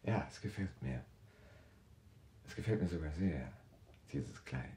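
An actor playing a cold, taunting fiancé in a 1960s radio drama, speaking calmly and mockingly. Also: male voice, extremely low pitch, slight background noise. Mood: coldly taunting. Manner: calm, slow and mocking.

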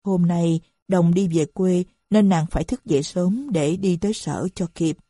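A woman reads a novel aloud in a steady narration, with a low, dark and husky voice. The recording is dry and close, with no room sound. She breaks off at times to read explanatory notes. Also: unhurried, no echo. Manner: steady reading with added footnotes. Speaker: audiobook narrator. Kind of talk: storytelling narration.

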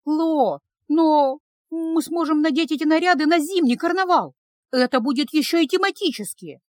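A woman doing a pleading young healer girl, high tearful voice, dry close sound. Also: normal speed, dry recording, lightly acted.

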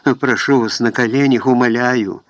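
A man's voice: medium pitch, unhurried, no room sound, close to an everyday voice. A man reading aloud voices a young woman who pleads in a trembling, sobbing voice. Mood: anguished pleading.

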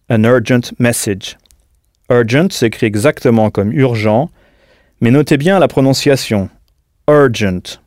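A man gives a recorded audio language lesson in a calm, patient way. He spells out words letter by letter and pauses to prompt the listener. His voice is mellow and dark, recorded dry and close in a studio. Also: mid-range voice, no echo. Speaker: language teacher.

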